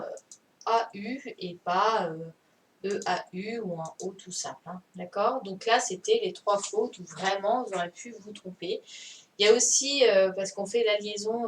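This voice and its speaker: A woman teaching a primary class over a video call, correcting a dictation patiently and often checking that the children understand. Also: medium pitch. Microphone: computer mic on a video call. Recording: distant mic with faint noise.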